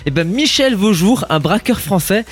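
A man's voice: sits high, animated, normal speed, soft background music. A man co-hosts a morning radio show in a studio, telling rambling stories and cracking jokes. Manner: rambling, joking storyteller. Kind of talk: casual radio banter. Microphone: studio microphone.

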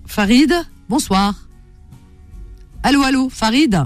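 High-voiced chatty radio host woman. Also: slow, dry recording, soft background music. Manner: chatty, filler-heavy, lots of hein and euh. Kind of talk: late-night radio call-in chat.

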